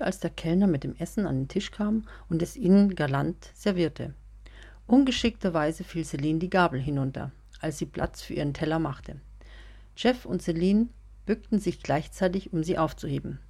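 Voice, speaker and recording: A woman narrating a serialized German audio story in a calm, even reading voice. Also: low voice, creaky, husky. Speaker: podcast storyteller.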